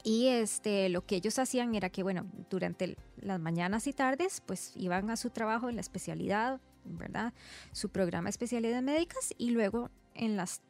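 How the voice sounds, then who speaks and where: A resident doctor from San José, Costa Rica, speaks with a Costa Rican accent as a guest on a radio interview. Her voice is medium-pitched and darkish at a moderate pace, and she explains things conversationally, often checking back with small tags, over soft background music.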